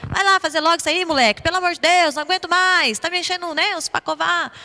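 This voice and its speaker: A Brazilian woman acting out an impatient, exasperated parent who yells at a child. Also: very high voice, steady tone, fast talker, pitched above the performer's own voice, heavily acted. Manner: loud, fed-up yelling.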